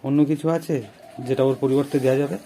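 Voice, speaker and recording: A man playing a father in a family vlog, coaxing and gently lecturing his daughter. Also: mid-range voice, level tone, fast, a little hiss or hum. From Bengal. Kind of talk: scripted family drama vlog.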